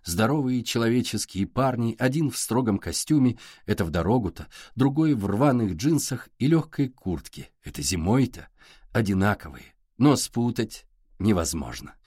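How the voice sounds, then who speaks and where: A man reading a novel aloud as an audiobook narrator, with even, unhurried storytelling. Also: lowish voice, breathy edge, no room sound, studio quality. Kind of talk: scripted narration.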